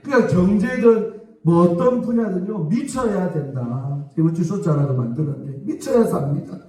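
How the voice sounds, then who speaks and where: A man's voice: high-pitched, normal speed, dark tone. A man preaching a sermon as senior pastor, emphatic and often calling for amens. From South Korea. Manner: emphatic, repeatedly asking the congregation for amens. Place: church sanctuary. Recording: echoey church hall, distant mic.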